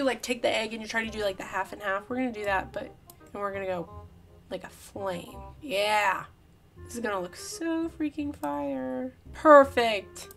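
A playful young woman talks her way through a game in a comedic commentary, her voice sitting a little high. She swings from chatty asides to sudden loud shouts. Faint music plays underneath her close mic. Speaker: YouTuber. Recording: light background music.

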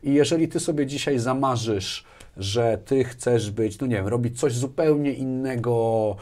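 Wearing a lapel mic in a small furnished studio, a business manager in his forties sits as an interview guest. His medium-pitched voice is a little mellow and unhurried. He speaks in a conversational way, pausing and repeating words as he works through his thoughts out loud.

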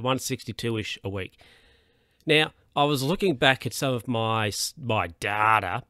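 A man's voice: medium pitch, no room sound. Young Australian man, podcast host, loose rambling delivery, dry close sound. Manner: rambling and relaxed, many fillers and restarts. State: yawning, a bit tired. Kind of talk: casual solo podcast monologue.

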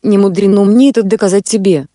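A woman narrator puts on a boastful male spirit of a fairy tale who threatens and then pleads. The voice is warm and soft rather than bright. It sits in a dry, close recording. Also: mid-range voice, steady tone, fast talker, dry recording, natural voice. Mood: menacing.

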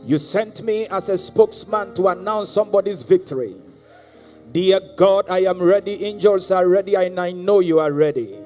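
This guest prophet, a man in his thirties with a Ghanaian accent, exhorts a crowd from the stage of a large church hall with a handheld mic. His high-pitched voice has a darkish tone and moderate pace, repeating lines for the audience to answer. The live hall adds long reverb and music.

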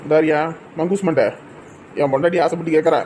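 A man's voice: fairly high pitch, fairly even intonation, fast talker, darkish tone, slight background noise, natural voice. A man playing a bossy husband who scolds and threatens in a comic sketch. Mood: blustering. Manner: blustering, scolding. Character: bossy husband threatening his brother-in-law.

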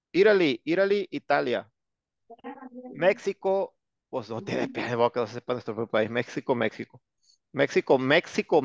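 A man's voice: medium pitch, gravelly, dry recording. A man with a Mexican accent teaching an English class online, joking and sarcastic, with plenty of slang. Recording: dull lo-fi sound.

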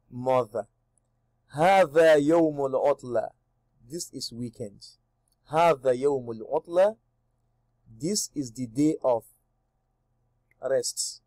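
A man's voice: mid-range voice, darkish tone, dry recording. A man teaching a language lesson, reading short dialogue lines and giving each one's English meaning. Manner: reads each line in Arabic then gives the English, slow and deliberate. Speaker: Arabic teacher.

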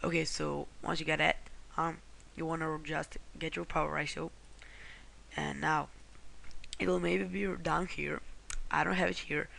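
A man's voice: fairly high pitch, flat delivery, unhurried, gravelly, bright, forceful tone, slight background noise. A man from Croatia, talking through a screen-recorded how-to walkthrough in a rambling way, often correcting himself and apologizing. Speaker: tutorial host.

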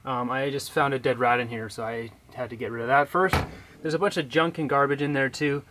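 This DIY vlogger, a young man, loosely walks through a home repair in a basement and outdoor stairwell while filming handheld at arm's length. His medium-pitched voice stays steady and a bit fast, over some background noise, with plenty of fillers and false starts.

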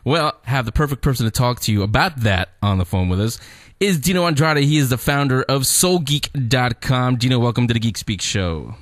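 A man's voice: medium pitch, lively intonation, brisk, no room sound, clean studio sound. A man hosting a casual radio show, speaking conversationally and straight to his listeners. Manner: conversational, addresses listeners directly. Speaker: show host.

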